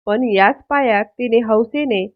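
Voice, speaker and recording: A woman's voice: fairly high pitch, measured pace, close to an everyday voice. A woman reading the lines of a proud young man who firmly defends his wife before a crowd. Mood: indignant. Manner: firm, indignant speech. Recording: tinny phone-like audio.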